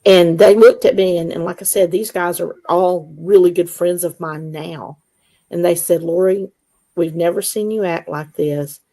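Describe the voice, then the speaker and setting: A woman guest on an interview show, telling her story in a casual, animated way and acting out the dialogue. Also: on the low side, moderate pace. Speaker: guest, Bigfoot investigator.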